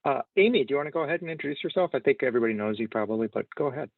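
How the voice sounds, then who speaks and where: A man's voice: mid-range voice, expressive, very fast, creaky, no echo. A man hosting introductions on a video call, brief and encouraging as he calls on each person. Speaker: host. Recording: tinny phone-like call audio.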